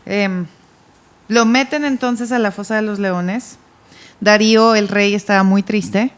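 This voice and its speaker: A woman's voice: mid-range voice, fairly even intonation, unhurried, clear, resonant tone. Woman, podcast co-host, earnest casual Bible talk, reads from her notes, stumbles and restarts a little. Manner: earnest, reads from her notes, repeats words when starting.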